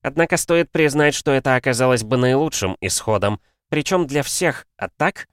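A man's voice: mid-range voice, lively intonation, normal speed, clear, resonant tone, dry recording, studio quality, pitched above the performer's own voice, close to an everyday voice. A man voicing a scheming male alchemist in an audiobook, talking in a sanctimonious, theatrical way.

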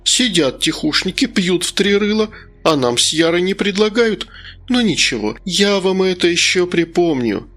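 Audiobook: booming, sharp-tongued woman cook, played by a male reader. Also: expressive, moderate pace, soft background music. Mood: teasing.

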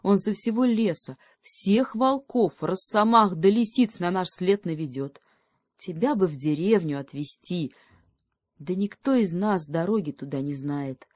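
A woman's voice: on the low side, expressive, measured pace, a little mellow, no echo, studio quality. A woman voicing a sensible, fretting male hedgehog who reasons things through aloud. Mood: pondering. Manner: thoughtful, reasoning, sighing.

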